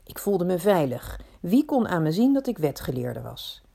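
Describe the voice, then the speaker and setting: Gravelly, husky woman telling a story. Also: lowish voice, sing-song, normal speed, warm tone. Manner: reflective and confiding, asks herself questions. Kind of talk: first-person dramatic storytelling.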